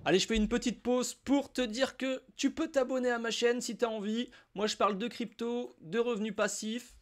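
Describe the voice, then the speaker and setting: Pitched extremely high, steady in tone and moderate in pace, this French crypto YouTuber has a slight cold. He chats his way through a crypto wallet tutorial on screen, informally addressing the viewer as "tu" and adding asides.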